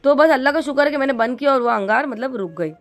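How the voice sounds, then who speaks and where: Middle-aged female vlogger from India, somewhat high pitch, rambling storyteller. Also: expressive, fast talker, faint music behind. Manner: chatty, rambling, many fillers and restarts. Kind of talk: casual storytelling to viewers.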